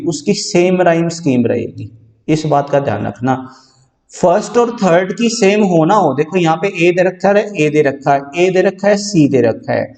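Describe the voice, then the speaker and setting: A male English teacher delivers an exam-prep lecture, walking through material step by step and repeating key words to make sure students keep up. His voice is a little high with a darkish tone, picked up by a distant mic in a reverberant room.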